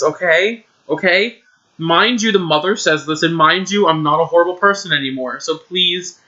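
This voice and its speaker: A man's voice: on the high side, pushed and bright. A young man reading his own old story aloud, breaking off for exasperated, cringing asides. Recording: dull lo-fi recording.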